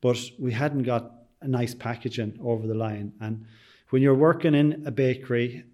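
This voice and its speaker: A man from Sligo speaks in a west of Ireland accent, answering as a bakery owner in an interview. His delivery is conversational and rambling, peppered with small verbal asides, at an ordinary middle pitch. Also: moderate pace, mellow. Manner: chatty, rambling, with frequent "you know".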